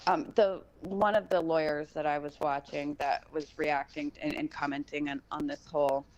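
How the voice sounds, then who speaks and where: Laid-back woman cohost, kinda low voice, jokey and a bit crude, chatting from home. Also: normal speed, poor audio. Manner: relaxed, joking, a bit crude. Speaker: podcast co-host. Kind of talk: casual chat about a court case. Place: home by a window with her dog.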